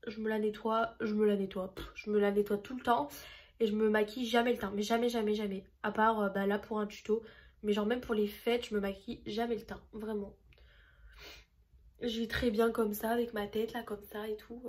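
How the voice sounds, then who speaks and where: A beauty vlogger in her youth talks through her makeup routine in a casual, meandering, self-mocking style. Her medium-pitched voice is level in tone and fairly quick.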